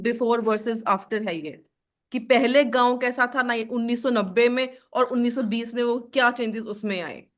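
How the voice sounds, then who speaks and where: A woman's voice: a little high, fairly even intonation, normal speed, few pauses. A woman teaching an exam-prep lesson, switching between Hindi and English and quizzing her student. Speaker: IELTS teacher. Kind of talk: live classroom lesson.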